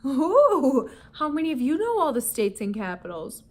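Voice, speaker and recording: Very animated and high-voiced, with a slightly mellow tone and normal speed, a woman teacher playfully conducts a vocabulary lesson and reads a story to schoolchildren. She speaks directly to them, posing questions and chuckling a lot.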